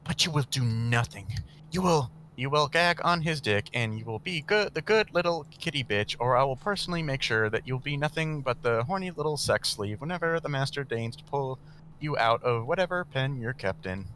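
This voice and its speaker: A man's voice: medium pitch, expressive, normal speed, fairly bright tone, slight background noise, voice pushed up, natural voice, rough recording. A man reading fan fiction aloud while voicing a cruel, domineering woman official in clipped, menacing lines.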